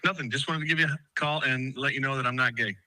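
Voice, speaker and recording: A man's voice: mid-range voice, fast talker, pushed and bright, a little hiss or hum, rough recording. A male caller heard over a phone on speakerphone, making offhand, breezy small talk. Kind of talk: casual phone chat.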